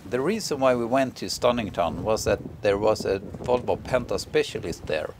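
A middle-aged man from Sweden, a Swedish speaker, narrating his sailing travels in an unhurried way with many filler pauses. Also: lowish voice, lively intonation, background noise. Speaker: sailing vlogger.

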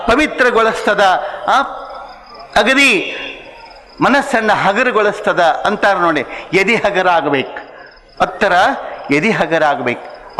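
Preacher guy, bright sharp voice, big hall echo, acts out little stories. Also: sits high. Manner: storytelling, acts out dialogue, emphatic. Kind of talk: sermon with folk anecdotes.

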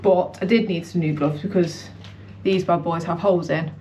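A woman's voice: lowish voice, steady tone, moderate pace, mellow, slight background noise. A young British woman chatting casually to her vlog in a colloquial, self-deprecating way. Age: young adult. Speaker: running vlogger. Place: indoors in a house hallway. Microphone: camera at arm's length or propped nearby.

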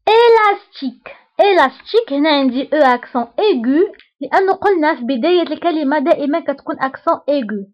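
Speaking fast in a high, animated voice, a French teacher with a Moroccan accent explains her online lesson over lo-fi audio. She repeats each example word with patience and checks that everyone is following.

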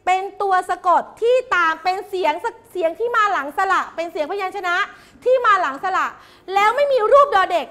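A woman teaching a class of young pupils, coaxing answers out of them with quick, repeated questions. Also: very high-pitched, pushed and bright. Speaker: primary school teacher.

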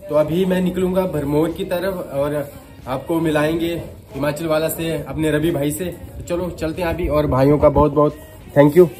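Young male travel vlogger, slightly high voice, selfie-phone sound with music under it. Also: steady tone, normal speed, warm tone. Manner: chatty, addresses viewers as guys. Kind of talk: casual vlog narration. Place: outdoors on roads, bus and in a small cafe. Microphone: phone camera at arm's length.

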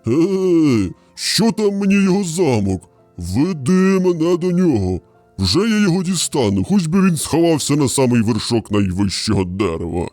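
A man's voice: on the high side, sing-song, darkish tone, no room sound, faint music behind. A man voicing a huge, hungry, furious bear in a children's fairy tale, roaring and dragging out his words. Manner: roaring, drawn-out growling delivery. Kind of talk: storybook character voice.

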